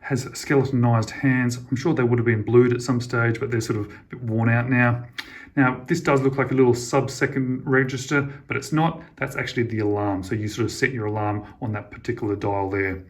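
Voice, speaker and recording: A man's voice: mid-range voice, fairly even intonation, a little fast. A man, chatting casually and with enthusiasm as he reviews a vintage alarm clock for his channel.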